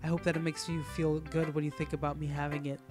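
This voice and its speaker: A man's voice: on the high side, completely flat delivery, fast talker, natural voice. A man reading aloud as a shy, obsessive young woman in a visual novel, with music behind. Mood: adoring.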